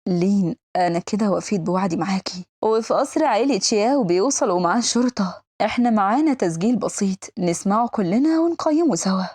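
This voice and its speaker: A woman with an Egyptian accent narrating a drama recap in a brisk storytelling manner, lightly acting out the characters' lines. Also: mid-range voice, lively intonation, a little mellow, slightly rough. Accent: Egyptian Arabic.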